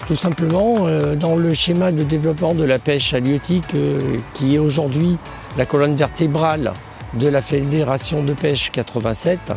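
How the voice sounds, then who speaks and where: Male presenter with a badly hoarse, gravelly, cracked voice and fry, explaining a project, slightly high. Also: steady tone, normal speed, a little mellow, faint music behind. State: hoarse from losing his voice. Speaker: fishing federation representative.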